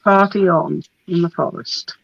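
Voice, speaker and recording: A woman hosting a relaxed product showing of craft papers is catching a cold and losing her voice, laughing often and drifting off with ums. Her lowish voice has vocal fry, a steady tone, and a measured pace. There's no room sound, and the audio is dull.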